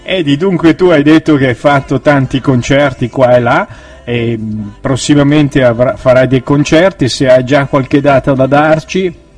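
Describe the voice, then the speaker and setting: A man's voice: mid-range voice, normal speed, darkish tone, faint music behind. A man hosting a casual radio interview, asking short questions and giving many brief acknowledgements. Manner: brief friendly prompts, many short backchannels. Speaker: radio host.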